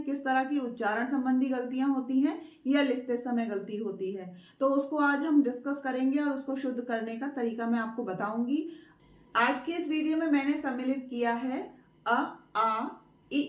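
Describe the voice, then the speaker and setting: High-voiced woman teaching spelling, roomy sound. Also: darkish tone. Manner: explains patiently, repeats each word, asks and answers her own questions. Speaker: Hindi teacher and channel host. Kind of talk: spelling lesson to camera. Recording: roomy, distant, dull sound.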